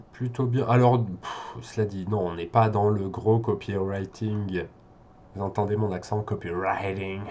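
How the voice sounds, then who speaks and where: A man's voice: on the low side, warm tone, highs cut off, slight background noise. A man working as an SEO consultant, thinking aloud as he reviews a website, hesitant with many fillers and restarts.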